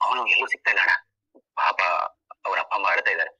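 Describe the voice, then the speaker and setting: A man playing a husky scheming young man. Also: deep voice, fast, pushed and bright, lo-fi sound, heavily acted. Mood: fake sorrow.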